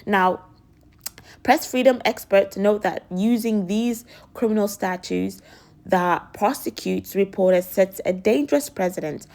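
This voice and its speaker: A woman hosting a news commentary channel, reading out reactions in an earnest, emphatic way with a hoarse, raspy voice. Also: mid-range voice, darkish tone. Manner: earnest, emphatic delivery with occasional slips and restarts. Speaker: host of an immigration news channel.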